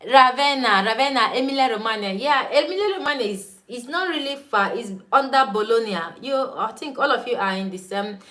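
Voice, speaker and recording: Chatting fairly quickly with few pauses, a young woman hosts a casual YouTube livestream, going through viewer comments, greeting people by name, and laughing often. Her voice is on the high side, pushed and bright, and she has a Nigerian accent, with Igbo as her first language.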